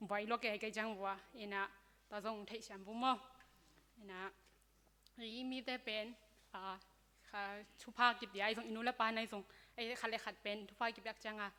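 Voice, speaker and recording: A woman's voice: on the high side, bright, forceful tone. A woman speaking at a church youth seminar, giving a conversational health talk with many fillers. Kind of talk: informal health talk to young people. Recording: hall reverb.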